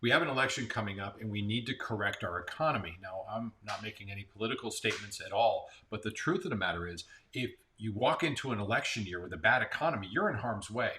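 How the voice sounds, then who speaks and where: A man's voice: fairly low pitch, expressive, fast talker, few pauses, bright, forceful tone, slight background noise. An American man co-hosting a casual real estate market chat, explaining figures with frequent restarts. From Central Florida. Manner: conversational, explains numbers with restarts. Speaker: real estate agent, co-host.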